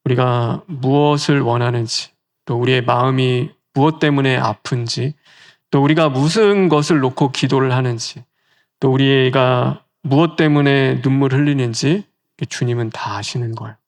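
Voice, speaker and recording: A man's voice: mid-range voice, fairly even intonation, moderate pace. A male pastor giving a sermon in a conversational way, often asking the congregation rhetorical questions.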